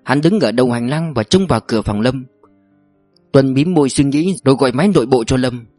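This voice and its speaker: Steady male audiobook narrator. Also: medium pitch, dry recording, faint music behind. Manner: steady, measured reading.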